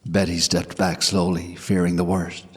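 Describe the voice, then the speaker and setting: A man narrating a scripted ghost story in a measured, hushed way. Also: low voice, little pitch movement, husky. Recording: long hall reverb.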